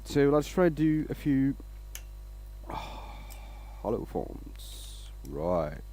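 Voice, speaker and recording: A man's voice: mid-range voice, very animated, very slow, mellow, slight background noise. A man from Denmark, hosting a casual woodturning livestream, rambling along and greeting viewers by name.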